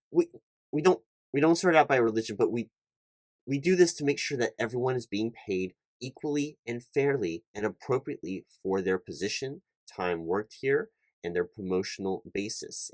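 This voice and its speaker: In a one-sided job interview roleplay, a man plays an earnest, slightly flustered recruiting manager who halts and stammers through corporate talk. His voice is deep, with no room sound.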